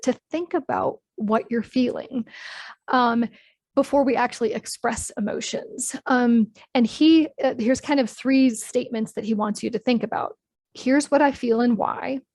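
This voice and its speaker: A woman's voice: fairly high pitch, gravelly, a little mellow, no echo. A woman presenting an online training workshop, explaining ideas in a candid, personal way. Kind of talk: live online training talk.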